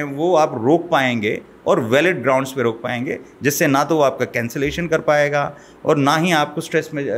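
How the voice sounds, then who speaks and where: A middle-aged man appears as a guest expert in a small studio, speaking into a desk mic on a boom arm. His voice is a little high and a bit bright, and he explains things step by step in a measured way, mixing in English terms.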